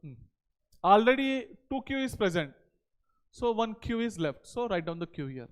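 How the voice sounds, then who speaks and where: A man with an Indian accent teaches a class in a high, smooth voice. He lectures step by step and keeps checking in with short questions. The sound is clean, spoken into a headset mic. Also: sing-song, moderate pace. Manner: repeated check questions and tag words. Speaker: physics teacher. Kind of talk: board lecture to exam students. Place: indoor teaching studio at a digital board.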